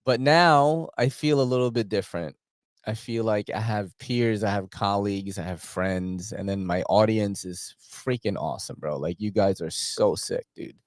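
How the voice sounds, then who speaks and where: A man's voice: on the low side, normal speed, no echo, clean studio sound. A man, hosting a casual, rambling knife-channel chat full of slang. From New York City. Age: 40s. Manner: rambling, laughing, slangy with frequent filler.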